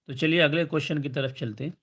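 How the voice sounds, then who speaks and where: A man's voice: on the high side, fairly bright tone, slightly rough. Patient man teaching Arabic lessons. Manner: patient, repeats "ٹھیک ہے؟" checks and slow drawn-out example phrases. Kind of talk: recorded online lesson.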